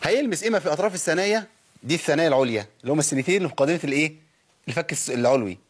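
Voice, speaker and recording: A man with an Egyptian Arabic accent teaching Quran recitation on a program, drilling pronunciation by drawing sounds out slowly and asking his listeners questions. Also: a little high, lively intonation, husky. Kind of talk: tajweed lesson on a program.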